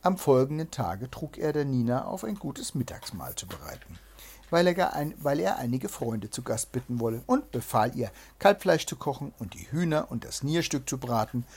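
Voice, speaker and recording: A storyteller reading an old tale aloud to a child, with a breathy voice and expressive delivery. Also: medium pitch, moderate pace. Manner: expressive, lively read-aloud.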